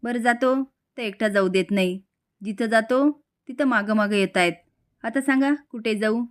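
A woman's voice: on the high side, moderate pace, smooth, close to an everyday voice. A woman reading the lines of a childlike, simple-minded young man in a serial recap. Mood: complaining.

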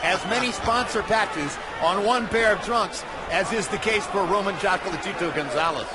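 A man's voice: sits high, normal speed. A man giving live boxing play-by-play with emphatic, articulate phrasing. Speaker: lead sports commentator. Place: ringside in large arena. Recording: broadcast over loud arena crowd noise.

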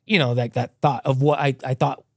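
Talking a little fast in a mid-range voice, a man in his thirties from Hawaii tells his story as a guest, loose and animated, gesturing and peppering it with "like." The dry recording comes from a boom-mounted podcast mic up close in a small, dim studio furnished with a couch.

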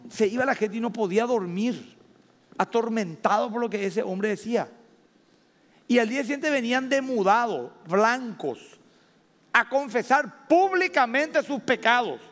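High-voiced Paraguayan pastor preaching in a hall. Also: male voice. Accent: Paraguayan Spanish. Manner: emphatic preaching with slow drawn-out stresses and sudden loud rises. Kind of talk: sermon. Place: church hall. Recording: long reverb of a church hall.

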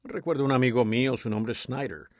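A man voicing over a sermon as a dub, with a lively, expressive delivery. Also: medium pitch, a little fast, no room sound. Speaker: sermon interpreter.

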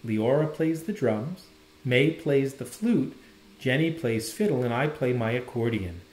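A man reads a children's picture book aloud, his pitch rising and falling in a lively storyteller's way. The recording has a noticeable roomy echo, as if made in a bare room. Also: measured pace. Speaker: storybook reader.

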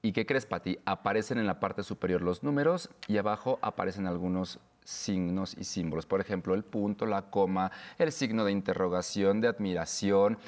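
A man's voice: deep voice, a little mellow, long reverb tail. Patient man explaining step by step. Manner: patient, explains slowly with pauses. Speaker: instructor. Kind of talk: step-by-step tech tutorial.

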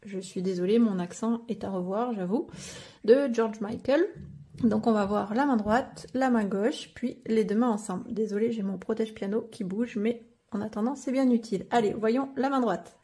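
A woman giving a patient step-by-step piano lesson, naming each note as she plays, with loud piano under her voice. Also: on the high side, moderate pace. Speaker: piano teacher. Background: piano playing.

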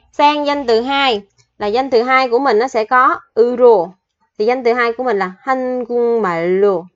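A woman teaching Korean vocabulary, patiently slowing down to spell out the grammar and pronunciation rules. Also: on the high side, fairly bright tone, dull audio. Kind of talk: explaining vocabulary lesson.

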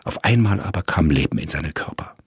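A man narrating a crime audiobook in measured storytelling. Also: rumbling low, lively intonation, breathy edge, no room sound, studio quality.

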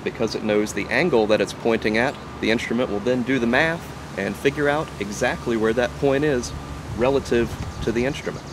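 Standing outdoors by trees and a wooden fence, a man in his thirties who works as an archaeologist and surveyor describes what he does for an interviewer. His voice sits at medium pitch, his pace is a little quick, and there's noise in the background.

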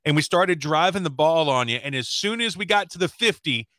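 Bright, higher-voiced man hosting sports interview. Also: expressive, a little fast, no echo, studio quality. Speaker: sports show host, interviewer. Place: indoors, streaming setup.

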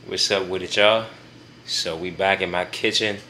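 Bright-voiced laid-back man vlogging. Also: deep voice, fairly even intonation, normal speed, a little hiss or hum. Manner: laid-back, addresses viewers as y'all. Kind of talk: casual vlog talk to camera. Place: home kitchen.

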